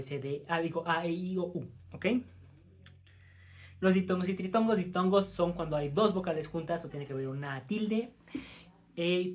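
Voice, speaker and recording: A man talks through a language lesson as if he were the teacher of a class. He trips over technical words and restarts them, mixing the lecture with casual remarks aimed at his classmates. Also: on the high side. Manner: stumbling over terms, frequent self-corrections; informal asides to the class. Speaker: student presenting as teacher.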